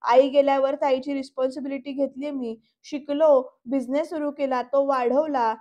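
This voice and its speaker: A woman's voice: sits high, level tone, normal speed, dark tone, dull audio, close to an everyday voice. A woman reading a stern young businessman. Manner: curt, warning, bitter. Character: proud, angry young businessman, a man.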